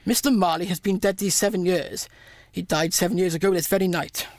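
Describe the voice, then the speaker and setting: An actor playing a sour, miserly old man in a radio play, gruff, scornful and sarcastic. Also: high voice, steady tone, a little fast, dry recording. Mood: cold, sardonic. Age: older. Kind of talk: radio play acting of a Victorian tale.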